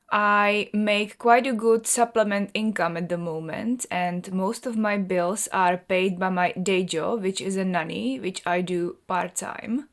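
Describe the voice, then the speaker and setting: A woman in her thirties from the Czech Republic, a native Czech speaker, talking to camera in earnest and rambling fashion with many restarts. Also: medium pitch. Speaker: artist and vlogger. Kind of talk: personal talk to camera.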